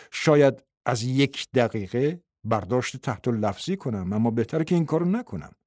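A man reading a self-help book in a calm, explanatory narration, taking the part of the counselor. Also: medium pitch, dry recording, clean studio sound. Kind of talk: scripted narration.

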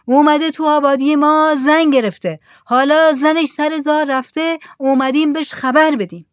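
A woman voicing a man shouting from a boat. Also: high-pitched, fairly even intonation, no echo, studio quality, voice pushed up, close to an everyday voice. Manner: calling out loudly across water.

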